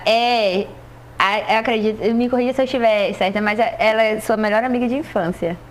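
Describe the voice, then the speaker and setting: A woman's voice: a little high, a little fast, a little hiss or hum. A woman hosting a podcast interview, reading listener questions in a playful, casual way. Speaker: podcast host.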